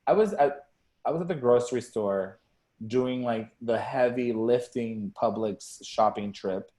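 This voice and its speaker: A man's voice: mid-range voice, measured pace, mellow. Rambling young man on a podcast. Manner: rambling, heavy on "like" fillers and swearing. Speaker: podcast co-host. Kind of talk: casual podcast chat.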